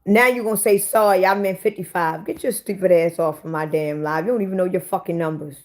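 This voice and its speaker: A woman's voice: on the low side, fairly quick. A woman in her forties chatting live with her viewers, bluntly and profanely talking back to commenters. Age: 40s. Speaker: livestream host. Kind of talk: casual livestream chat with viewers.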